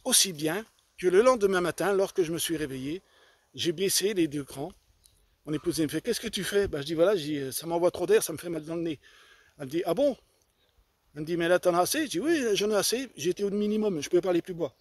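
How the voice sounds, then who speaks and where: A man giving an earnest personal faith testimony, halting and often repeating himself as he retells conversations in his own voice. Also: high voice, no room sound. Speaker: church member giving a testimony.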